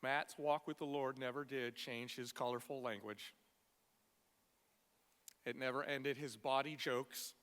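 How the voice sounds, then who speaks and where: Guy reading a funeral eulogy, tender n measured w pauses, lots of hall reverb. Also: mid-range voice, fairly bright tone. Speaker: friend giving a funeral eulogy. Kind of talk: prepared memorial speech. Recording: long echoing reverb of a hall.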